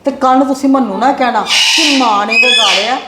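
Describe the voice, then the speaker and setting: A woman's voice: a little high, quick pace, lightly acted. An actress playing a strict, frugal mother of two sons in a family drama, lecturing in an exasperated, scolding way. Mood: pleading. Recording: echoey room with faint noise.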